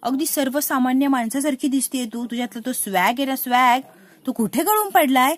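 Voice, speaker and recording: A woman's voice: sits high, brisk. A woman voicing a haughty spiteful rich woman. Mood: taunting. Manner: mocking, taunting.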